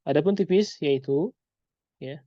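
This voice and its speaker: Male recitation teacher, very unhurried, demonstrates sounds over and over; slightly high voice. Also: dark tone, no echo, lo-fi sound. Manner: patient, repeats example syllables slowly to model pronunciation. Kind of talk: online tajweed lesson.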